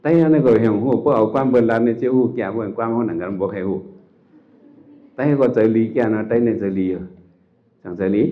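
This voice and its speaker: A man giving an informal Dhamma talk as a Buddhist monk, chatty and full of rhetorical questions. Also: on the low side. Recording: dull lo-fi recording.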